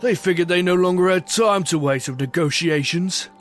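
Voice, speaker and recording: Here the same kind of scripted pirate tale unfolds, voiced by a man as a boastful, hearty, bearded captain with a wistful side who spins his yarn in salty dialect. His rather high, slightly bright voice moves at a normal pace over music, in the style of an audio-drama narrator.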